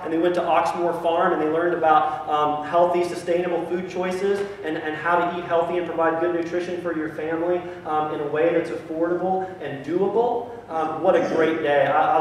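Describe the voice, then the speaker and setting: A man's voice: a little high, far from the mic, slight background noise. Earnest man preaching in an echoey sanctuary. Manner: earnest and grateful, with many restarts and ums. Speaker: pastor. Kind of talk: sermon. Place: large church sanctuary.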